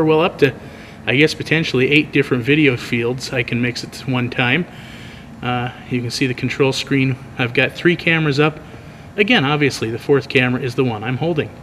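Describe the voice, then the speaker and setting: Guy doing a rambly handheld vlog tour, kinda self-deprecating, echoey hall w some noise, medium pitch. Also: fairly bright tone. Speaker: video producer and vlogger giving a tour. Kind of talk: casual handheld vlog narration. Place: large empty church auditorium at night. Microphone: handheld camera microphone. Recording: echoey large hall, clear background noise.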